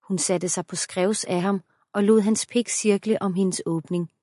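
A woman reading an erotic audiobook as narrator in a steady, even voice. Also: mid-range voice, dry recording, clean studio sound. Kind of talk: scripted narration.

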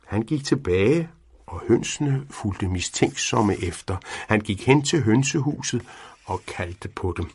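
Raspy man reading a storybook aloud. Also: on the low side. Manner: lively, expressive narration.

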